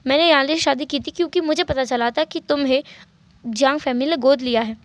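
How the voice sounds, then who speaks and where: Woman voicing a calm young husband, slow, soft-spoken, gentle, high-pitched voice, dry close recording, storybook. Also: no room sound, natural voice. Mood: explaining.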